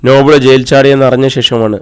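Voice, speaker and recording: Male audiobook narrator, mid-pitched, calm and measured scripted narration. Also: clean tone.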